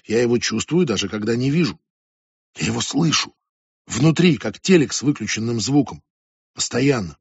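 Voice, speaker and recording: A man reading an audiobook, voicing a dreamy teenage girl who speaks softly of a ghost. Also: medium pitch, lively intonation, normal speed, gravelly, breathy edge, no echo, muffled recording. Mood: dreamy, sad.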